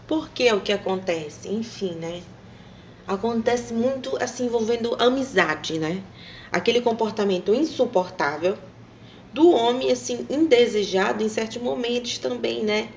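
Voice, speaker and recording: A woman's voice: on the high side, a little hiss or hum. A woman talking casually to camera, rambling and hesitant, with many fillers and tag questions. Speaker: vlogger.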